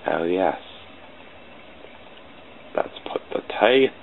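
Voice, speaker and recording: Speaking very slowly in a deep, creaky voice with lively intonation, a British man offers rambling, self-deprecating commentary to himself while drawing sprites on a computer for his channel. The recording comes from a cheap computer mic at a home desk and sounds tinny, lo-fi, and phone-like, with a faint hiss.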